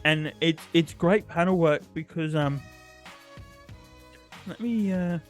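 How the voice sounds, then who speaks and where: A man's voice: a little high, takes it slowly, faint music behind. A man hosting a casual chat about comic books, talking hesitantly with many fillers and restarts. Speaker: host.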